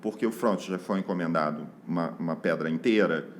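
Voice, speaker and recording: A man's voice: sits low, a little fast, slight background noise. A man, a guest architect on a podcast, telling an anecdote casually and quoting dialogue.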